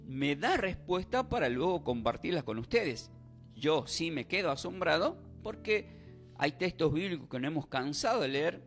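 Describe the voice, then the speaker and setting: A man preaching a sermon, asking rhetorical questions and leading call-and-response. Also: medium pitch.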